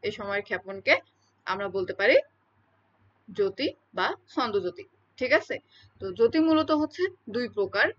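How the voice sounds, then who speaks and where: A woman's voice: fairly high pitch, fairly bright tone. A woman teaching a lesson in an explanatory lecture style, speaking, repeating key terms and checking in with her listeners often. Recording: dull lo-fi recording.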